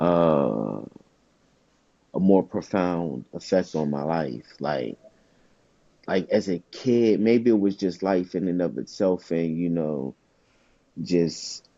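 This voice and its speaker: A man co-hosting a podcast in loose, profane casual chat, his stories jumping up in pitch when he gets excited. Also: dry recording, highs cut off. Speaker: podcast co-host.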